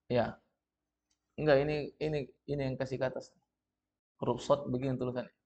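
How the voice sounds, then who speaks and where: Speaking with an Indonesian accent and a steady mid pitch, a man teaches Arabic, patiently spelling out each step and reading sentences aloud slowly and loudly. The audio is muffled and lo-fi, with a faint hiss or hum.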